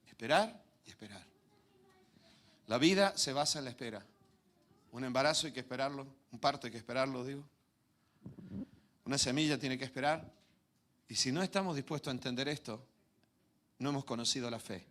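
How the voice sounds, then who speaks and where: A man preaching a Sunday sermon, telling anecdotes and acting out quoted voices with laughs at his own stories. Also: mid-range voice. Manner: lively, acts out quoted voices, laughs at himself.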